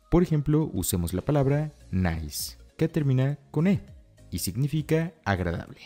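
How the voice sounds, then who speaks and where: Man, teacher, scripted lesson, low pitch, animated intonation, stresses his linking words. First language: Spanish. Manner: emphatic rising stresses on connecting phrases, slows down for examples. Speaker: English teacher.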